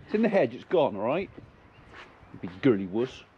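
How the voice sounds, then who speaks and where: A man's voice: medium pitch, sing-song, moderate pace, lo-fi sound. A man, a farmer and vlogger, teasing and laughing in casual banter, recorded on a camera mic. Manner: playful, teasing, laughs often. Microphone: camera-mounted mic.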